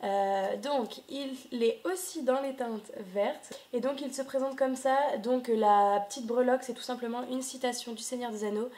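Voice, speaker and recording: A woman's voice: a little high, normal speed, few pauses, mellow. A young woman vlogging casually at home, chatting with many hesitations and fillers into her camera. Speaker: book vlogger. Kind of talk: casual video chat.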